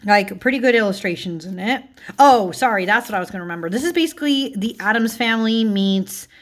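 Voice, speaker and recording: A woman in mid pitch talks through a book review in an easy, rambling way. She leans on filler words and restarts her sentences, keeping it loose and conversational. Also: lively intonation, brisk. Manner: chatty, filler-heavy, self-correcting, frequent laughs. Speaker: book and tarot vlogger. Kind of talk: casual book review chat.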